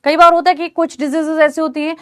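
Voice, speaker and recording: High-voiced woman teaching an online class. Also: level tone, quick pace, a bit bright, no room sound, clean studio sound. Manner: reassuring, repeats "theek hai" to check understanding. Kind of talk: online exam-prep lecture.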